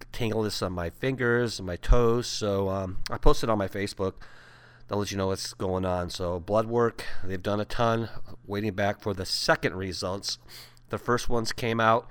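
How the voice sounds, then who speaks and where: A man hosting a podcast in a relaxed, chatty way, his voice raspy and hoarse as he is losing it. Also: fairly low pitch, moderate pace. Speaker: podcast host and DJ. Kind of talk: casual chat.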